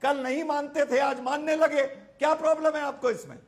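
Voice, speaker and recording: High voiced guy on a tv debate panel, keeps cutting in and repeating. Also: steady tone, normal speed. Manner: insistent, talks over others, repeats himself. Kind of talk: heated TV debate.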